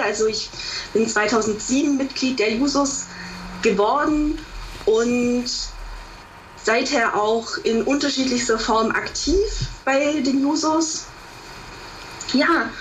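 A woman in her thirties, a radio studio guest introducing herself with hesitant pauses and fillers. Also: on the high side, a little hiss or hum, rough recording. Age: 30s.

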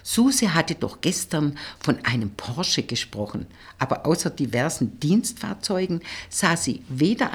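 A woman reads a novel aloud in a husky, low voice. Her delivery is expressive, with lively rises and falls in pitch. It is a storytelling audiobook narration.

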